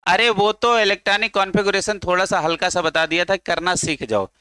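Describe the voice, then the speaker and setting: A man's voice: high-pitched, brisk, pushed and bright, smooth, dry recording. A male chemistry teacher giving a classroom lecture, coaxing his students and drilling them to chant along.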